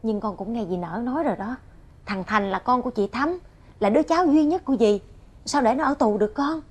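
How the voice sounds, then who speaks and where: An actress in a television drama plays an earnest, grateful middle-aged mother with a southern Vietnamese accent, pleading earnestly. Her voice is fairly high, brisk, darkish in tone, and slightly rough.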